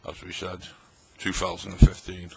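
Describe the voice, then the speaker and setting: A middle-aged man talks in a low, monotone, gravelly voice at normal speed as he tastes old tinned food at his table late at night. It's rambling, jokey vlog chatter delivered between bites, with background noise behind him.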